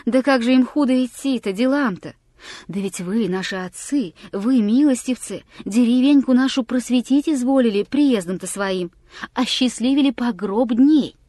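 A woman's voice: on the high side, normal speed, mellow, no room sound, clean studio sound, natural voice. A woman voicing a fawning, tipsy middle-aged village bailiff who talks in a wheedling sing-song.

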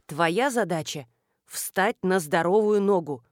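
A woman reading the lines of a bossy woman blogger who gives brisk orders, for an audiobook. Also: lowish voice, animated, no room sound, studio quality. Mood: commanding.

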